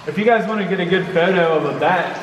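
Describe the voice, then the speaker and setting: A man's voice: high-pitched, quick pace, dull audio. A man working as a tour guide, giving casual, explanatory commentary with his voice echoing through a cave. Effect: cave echo. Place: inside a water-filled cave on a tour boat. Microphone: vlogger's camera, away from the speaker. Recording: echoey cave, distant mic, noisy background.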